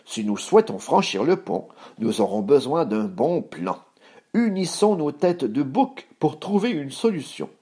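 A man's voice: on the high side, sing-song, unhurried, dark tone, husky, voice pushed up, full character voice. A man voicing the big eldest billy goat, confident and boastful. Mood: thoughtful.

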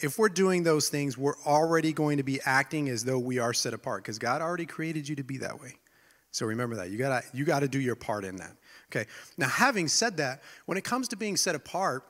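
A man's voice: fairly high pitch, bright, forceful tone, in a large hall. A man with a nasal, congested-sounding voice giving a conversational sermon as a teaching pastor, informally checking in with listeners as he goes. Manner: informal, frequent check-ins like "right?" and "okay?".

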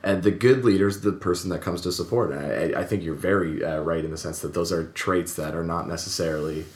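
A man's voice: deep voice, a little fast. A man on a casual panel chat who speaks reflectively and hesitantly, with many fillers. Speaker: panel guest. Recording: roomy echo.

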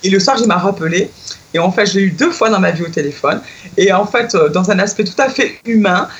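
Excitable middle-aged woman telling a story. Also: mid-range voice, brisk, muffled recording. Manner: excitable, laughs often, lively acted-out quotes. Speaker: guest telling a personal story. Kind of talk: casual storytelling chat.

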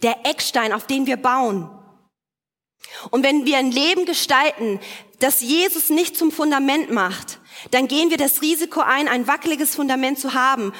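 A woman delivers a sermon in a high voice, pressing each point with repetition and emphasis. Her words ring out with a long hall reverb behind them, as in a church sanctuary. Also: a bit bright. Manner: emphatic preaching with repeated phrases and occasional restarts. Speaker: preacher.

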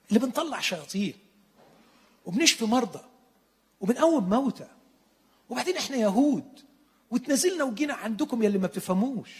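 A preacher acting out a ranting, outraged apostle. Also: male voice, extremely high pitch, slightly rough, pitched above the performer's own voice, heavily acted. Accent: Egyptian Arabic. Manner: ranting, outraged, rising shouts. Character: indignant apostle, hot-headed grown man. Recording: long hall reverb.

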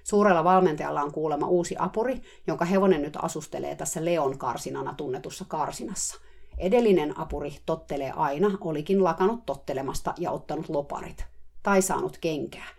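A woman's voice: deep voice, vocal fry, a little mellow, husky. A woman telling a diary-style story in a wry, matter-of-fact way. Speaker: narrator.

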